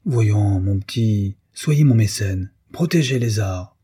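A man reading aloud voices a flattering, boastful bohemian who wheedles for money, in a dark, husky voice. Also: fairly low pitch, slow, heavily acted. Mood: wheedling.

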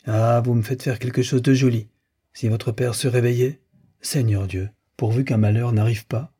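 A man's voice: mid-range voice, fairly even intonation, normal speed, warm tone, slightly rough, close to an everyday voice. A man voicing a fretful, grumbling old woman servant in an audiobook reading. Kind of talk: audiobook character voice.

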